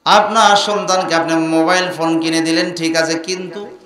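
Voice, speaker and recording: A man preaching a sermon, swinging from quiet questions to loud chanted outbursts and urging the crowd to answer louder. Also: a little high, little pitch movement, normal speed. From Bangladesh. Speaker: preacher at a religious gathering. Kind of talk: impassioned Islamic sermon with sung passages. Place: large religious gathering. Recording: echoey venue with faint music.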